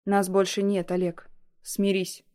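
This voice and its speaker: A woman's voice: mid-range voice, completely flat delivery, a little slow, no room sound, clean studio sound, lightly acted. Woman reading as a cornered young heroine. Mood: tense. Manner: strained, quiet.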